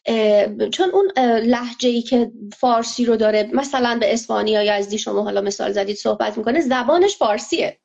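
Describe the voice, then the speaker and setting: A woman answering interview questions in a measured, analytical way, pausing often with fillers. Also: fairly high pitch, creaky, darkish tone. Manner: measured, hesitant, many filler pauses. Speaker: interview guest. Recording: lo-fi muffled audio.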